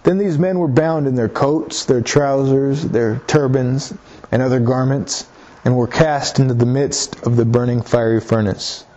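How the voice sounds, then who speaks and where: A man's voice: mid-range voice, measured pace, warm tone. A man preaching a sermon, reading scripture and explaining it, earnest, often repeating himself as he urges his listeners on. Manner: earnest, repeats phrases, exhorts listeners directly. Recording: slightly dull lo-fi recording.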